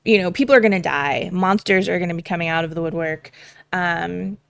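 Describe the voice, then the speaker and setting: A young woman talks through her game prep out loud, rambling and swearing casually as she thinks. Her voice has a gravelly, fry-tinged edge, and the sound is dry and close. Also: fairly low pitch, brisk, no echo. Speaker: game master prepping a campaign. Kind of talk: casual thinking-aloud vlog.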